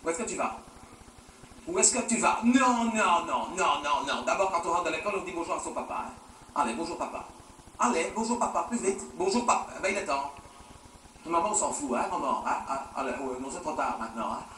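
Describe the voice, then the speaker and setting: A high, bright-voiced, nagging father, played by a male comedian scolds his teen daughter sarcastically and repeats himself endlessly. It's a stand-up character sketch. The sound is roomy and a little distant, with faint noise behind. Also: animated, fairly quick. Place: theatre stage.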